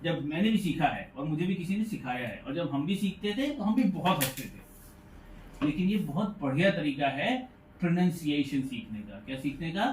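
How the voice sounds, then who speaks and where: Man, pronunciation teacher, patient demonstrator, slightly raised pitch, roomy echo, distant mic. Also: expressive, darkish tone. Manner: patient, repeats sounds slowly to demonstrate. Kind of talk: classroom pronunciation lesson. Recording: echoey room, mic far off, faint noise.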